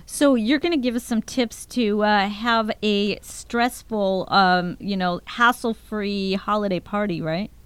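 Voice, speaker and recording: A woman's voice: mid-range voice, measured pace, hardly any pauses, clean tone, dry recording. A woman from Southern California with a Californian accent, hosting a radio show in bubbly casual chat and laughing often.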